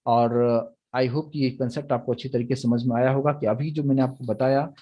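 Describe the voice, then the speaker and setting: This recorded Hindi lecture on Java comes from a young man whose mid-range voice has a dark tone and fairly even intonation. He moves briskly, laying out the programming steps one at a time and frequently making sure students keep up.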